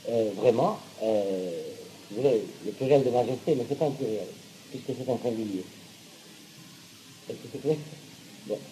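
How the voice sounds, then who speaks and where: A man's voice: mid-range voice, warm tone, slight background noise, poor audio. A man teaching a class, often checking that listeners follow, hesitant with fillers and blunt, sarcastic asides. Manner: hesitant, with fillers and repeated words. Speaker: teacher of Hebrew and Torah. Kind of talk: classroom lecture.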